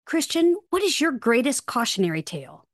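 A woman's voice: high-pitched, big pitch swings, a little fast, no echo, clean studio sound. A woman hosting and announcing a podcast, reading from a script.

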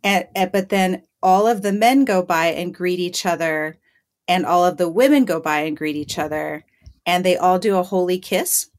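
A young woman with a slightly low voice tells stories in casual chat, lively and quick to laugh as she goes. She sounds relaxed and engaged, the way a podcast guest does. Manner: lively, laughs often while telling anecdotes.

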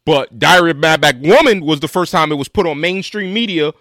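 A man's voice: a little high, fast talker, dry recording, studio quality. A young man co-hosting a podcast, chatting casually and jokingly about a TV episode and acting out quotes. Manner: animated, joking, acts out quotes in character voices. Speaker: podcast co-host.

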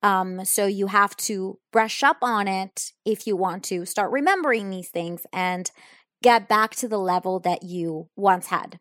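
During an English lesson, a young woman whose first language is Italian answers questions off the cuff, unhurried and careful over each reply. A little hesitant and thoughtful, she drops soft ums into the gaps, her medium-pitched voice recorded close and dry with no surrounding room.

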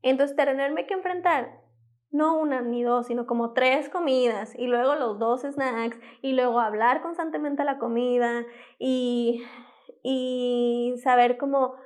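A woman's voice: high voice, steady tone, a little slow, darkish tone. A young woman, an interview guest telling a personal testimony, acting out the quoted exchanges as she speaks.

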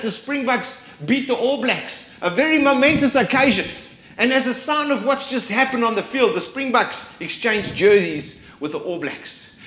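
A man preaching a sermon, his delivery rising and falling with dramatic pauses. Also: extremely high pitch, a bit bright, roomy sound. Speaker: pastor.

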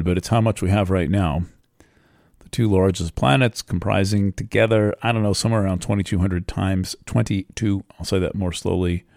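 A man speaking unscripted about astrology, rambling and unhurried, with many fillers and pauses, into a microphone. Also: deep voice, darkish tone, no echo, studio quality. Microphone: studio microphone.

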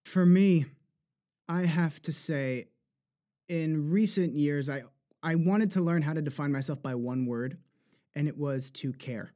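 A man guest, a performer, talking earnestly and slowing down as he reflects on what matters to him. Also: on the high side, dark tone. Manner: earnest, slows down when reflecting. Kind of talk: reflective interview talk.

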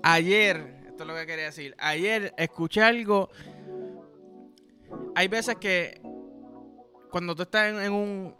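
High, bright-voiced Puerto Rican man. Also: slow, long pauses, soft background music. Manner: profane, rambling storyteller. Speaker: podcast host. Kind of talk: casual comedic monologue.

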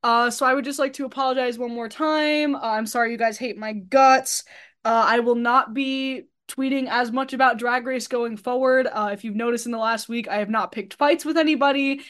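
A woman's voice: on the high side, fairly even intonation, normal speed, a bit bright. A woman speaking as a podcast guest, rambling in a blunt, self-deprecating way with lots of fillers. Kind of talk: casual podcast chat.

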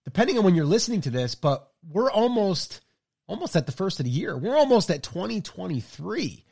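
A man's voice: high voice, sing-song, brisk, gravelly, darkish tone, breathy edge. A middle-aged man hosting a podcast in an informal, conversational way while feeling sick with a sinusy head cold. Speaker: podcast host. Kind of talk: podcast monologue to listeners.

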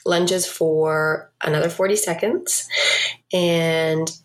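A woman's voice: low-pitched, steady tone, slow, poor audio. A woman leading an exercise class as a fitness instructor, giving cues and countdowns in an encouraging way. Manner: encouraging, coaching.

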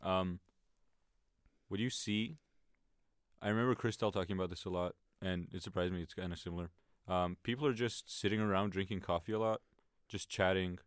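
A deep-voiced young man from Bosnia co-hosts a podcast and answers in a relaxed, joking manner. The sound is dry and close to the mic. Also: a little fast, clean tone, no echo. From Sarajevo, Bosnia and Herzegovina. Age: young adult. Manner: joking, laid-back. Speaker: podcast co-host. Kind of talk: casual podcast chat.

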